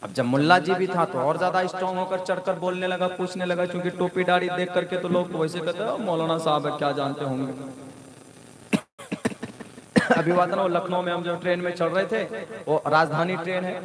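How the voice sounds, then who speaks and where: A man's voice: sits high, a little fast, a crowd in the background. A male preacher telling a humorous story in his sermon, acting out the dialogue with laughs. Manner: animated, acts out dialogue with laughs.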